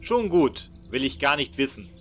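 A man voicing a brisk, confident young hero in a fan-made game mod, matter-of-fact. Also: medium pitch, very animated, fairly bright tone, soft background music.

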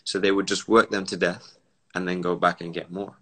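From indoors at home, on a phone during a live video call, a Barbadian entrepreneur and commentator raised in the UK speaks emphatically in a casual stream. His low voice is a bit bright, level in tone, and a little fast. He goes on lecturing at length, acting out quoted voices.

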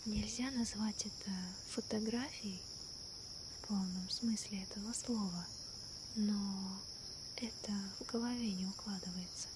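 A woman in an ASMR role-play as a gentle, wonder-struck girlfriend stargazing at night, soft-spoken softly right into the listener's ear. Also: medium pitch, steady tone, unhurried, lightly acted. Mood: hushed wonder. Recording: night crickets, insects and clear ambient noise. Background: crickets and night insects.

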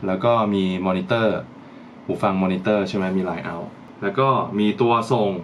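With a deep voice at normal speed, a vlogger casually unboxes and tries out gear, thinking aloud in a chatty way for his channel. Slight background noise sits under his voice.

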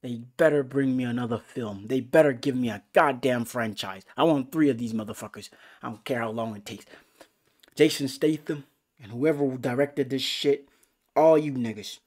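A man talks through a movie review in a casual, unscripted way, thrilled and swearing constantly. His voice sits at an everyday middle pitch, but his volume lurches from loud, excited bursts down to hushed, breathy whispers. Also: normal speed.

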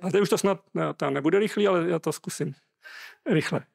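A man's voice: on the high side, creaky, darkish tone. A Czech man preaching a sermon, reading scripture aloud and explaining it earnestly.

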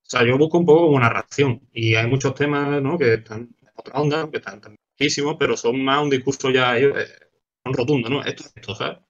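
A man with an Andalusian Spanish accent, a guest musician chatting casually and fast, full of slang fillers. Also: medium pitch, fairly even intonation. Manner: fast, slangy, says "tío" and "¿sabes?" constantly. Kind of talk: casual podcast chat. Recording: dull lo-fi sound.

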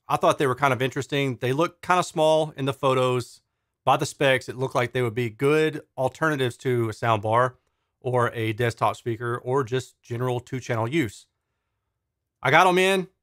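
Casting: male audio reviewer, 30s to 40s, chatty and excited, mid-pitched, dry close sound. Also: dry recording. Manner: chatty, enthusiastic, explains technical terms. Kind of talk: casual product review.

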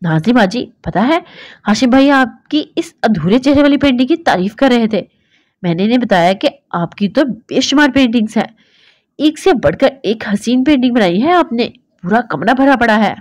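A woman's voice: a little high, expressive, moderate pace, darkish tone. A woman voicing a chatty, cheerful young woman in a storybook reading who rattles on in one breath.

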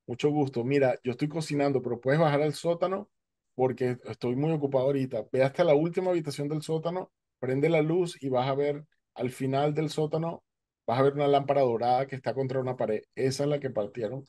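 A man's voice: mid-range voice, a little fast, warm tone, no room sound, lightly acted. A man voicing a friendly, busy elderly woman, giving chatty, hospitable instructions. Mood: welcoming.

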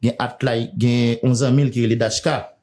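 A man's voice: medium pitch, little pitch movement, quick pace, a little mellow. A man hosting a gossip news show, chatty and laughing often as he reads out details.

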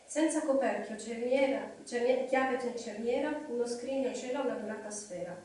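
A woman's voice: fairly high pitch, moderate pace, mellow, close to an everyday voice. Bilbo, a woman voicing an anxious hobbit. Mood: anxious eager. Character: anxious small male hobbit, polite but quick-witted. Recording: echoey hall, distant mic, faint noise.

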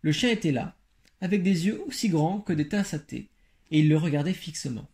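A man reads a fairy tale aloud in a steady storytelling manner. His voice is somewhat high for a man, with a gravelly fry running through it. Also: a little fast. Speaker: reader.

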